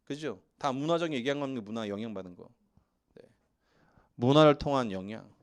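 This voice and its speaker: A male pastor from Seoul, with a brisk, mid-range voice, preaches a sermon in a church sanctuary. He jokes with the congregation and throws in lively asides.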